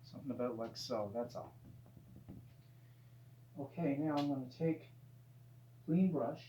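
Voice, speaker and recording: A man teaching painting in a gentle, easygoing, encouraging way, casually talking through each step as he demonstrates. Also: mid-range voice, measured pace. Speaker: painting instructor. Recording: dull, roomy sound with faint hum.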